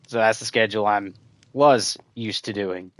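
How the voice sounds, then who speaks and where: A man's voice: lowish voice, moderate pace, fairly bright tone, no room sound, clean studio sound. A man streaming a video game, rambling casually and chatting with his viewers as he plays. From United States. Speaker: gaming streamer. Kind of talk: casual gameplay commentary.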